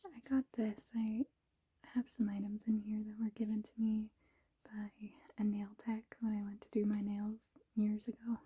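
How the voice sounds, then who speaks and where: A woman whispering softly in an unhurried ASMR ramble, with a breathy, husky voice and short, gently paused phrases. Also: medium pitch, level tone. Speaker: ASMR video host.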